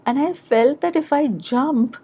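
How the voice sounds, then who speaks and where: With an Indian accent, a woman podcast host tells personal stories from her past, reflective and plain-spoken. She has a high voice, an unhurried pace and a dark tone.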